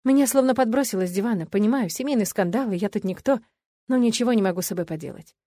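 A woman reading a first-person story in an even, expressive voice. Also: a little high, fast, dry recording, studio quality. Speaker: audiobook reader. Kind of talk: first-person audiobook narration.

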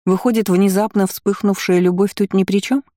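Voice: medium pitch, steady tone, moderate pace, dark tone, dry recording, clean studio sound, pitched above the performer's own voice, close to an everyday voice. A reader voicing a young heroine who talks urgently and accusingly. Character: young heroine, defiant and angry vampire girl.

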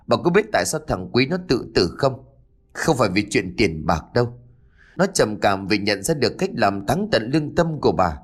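A man's voice: fairly low pitch, very animated, moderate pace. A man voicing a grieving older man in a ghost story, speaking in a weary, reproachful way.

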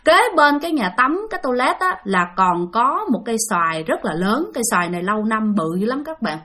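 A chatty woman tells a ghost story in a loose, conversational way. She speaks a bit higher than most women and keeps turning to her listeners as she goes. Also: very animated, brisk, pushed and bright. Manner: chatty, addresses listeners often.

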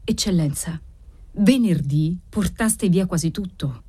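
A woman's voice: fairly low pitch, unhurried, warm tone, breathy edge. A woman reading the part of an elderly servant who answers his master deferentially. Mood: pleading. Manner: deferential, pleading. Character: old male servant, humble and worried.

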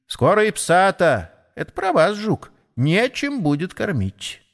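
A chirping, self-important little sparrow , as a male narrator puts him on, spreading gossip in a high, darting voice that leaps all over. A busybody bird in a storybook, smug and fussy. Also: huge pitch swings, a little slow, creaky, full character voice. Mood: gossipy. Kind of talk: audiobook character voice.

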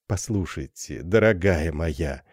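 A man playing a vain, gallant young army captain who speaks loudly and patronisingly. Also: low-pitched, expressive, slow, slightly rough, no echo, clean studio sound, full character voice. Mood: gallant, swaggering. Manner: loud, jovial, patronising.

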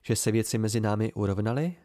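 A man reading an amateur audiobook and voicing a hesitant adult male scribe who speaks quietly and unsurely. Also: on the low side, no room sound, clean studio sound, natural voice.

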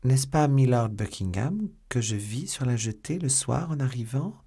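A cunning, cold young noblewoman, as a male audiobook reader puts her on. The voice sits well above his own deep register and keeps a husky edge. Her manner is guarded and calculating. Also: animated, moderate pace, dark tone. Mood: scheming. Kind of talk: audiobook character voice.

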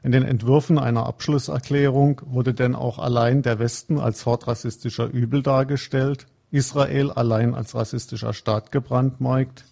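A man giving a conference lecture, reading a prepared script in a measured, formal way. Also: medium pitch, steady tone, vocal fry, dark tone. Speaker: conference speaker.

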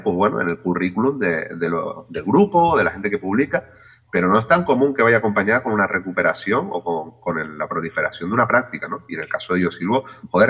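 A man's voice: low-pitched, a bit bright, slightly rough. A man hosting an interview, asking questions in a hesitant, thinking-aloud way. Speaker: radio show host.

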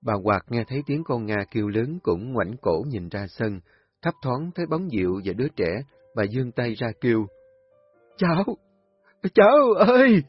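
Husky male storyteller, expressive. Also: on the low side, normal speed, dry recording, soft background music. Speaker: narrator. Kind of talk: scripted story narration. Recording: dull lo-fi recording.

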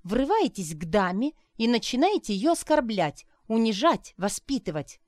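An indignant, sharp-tongued mother of about forty, as a woman reader puts her on. Her replies come high, loud and sarcastic. The sound is dry and close. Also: very animated, normal speed, dry recording. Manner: shrill, offended, sarcastic retorts.

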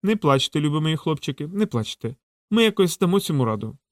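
A man voicing a shrewd old woman shopkeeper who scolds loudly and dotes on the boys. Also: a little high, very animated, fairly quick, dry recording, clean studio sound. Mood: consoling. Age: older. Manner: scolding, loud and doting by turns.

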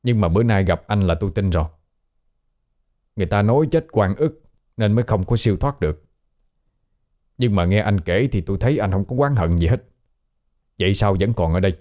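A man's voice: fairly low pitch, animated, brisk, long pauses, dark tone, lightly acted. A man voicing a polite, inquisitive young man questioning a ghost.

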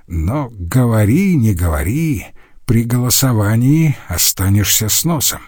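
A man voicing a mocking, sharp-tongued male medieval scholar who sneers at his colleagues. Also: mid-range voice, expressive, measured pace, no room sound, clean studio sound. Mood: scornful. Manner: sneering, scornful.

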